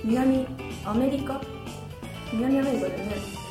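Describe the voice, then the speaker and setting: A woman's voice: high-pitched, unhurried, echoey room, over music. A woman with a Toyama dialect co-hosting a casual radio chat, playful and laughing often. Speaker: radio co-host.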